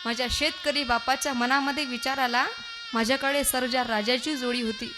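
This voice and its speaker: A woman's voice: high voice, fairly even intonation, moderate pace, over music. A woman kirtan preacher telling an emotional devotional story and acting out the voices in it. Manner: emotional, dramatic, acts out voices in quotes.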